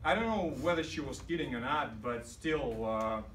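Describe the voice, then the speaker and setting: A man delivers a storytelling speech at a club meeting, pausing often with fillers. He is recorded from afar in a roomy hall, and a faint room hum sits underneath. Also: mid-range voice, lively intonation, a bit bright. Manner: hesitant, many fillers. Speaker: club speaker. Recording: roomy hall, mic far off.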